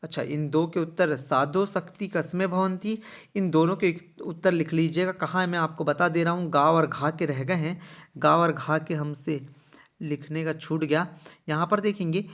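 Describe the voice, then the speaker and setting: A male teacher with a slightly high voice is explaining a school lesson to children. He reads each verse slowly and deliberately, then explains it in a brisk, casual way, speaking straight to his pupils. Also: a bit bright.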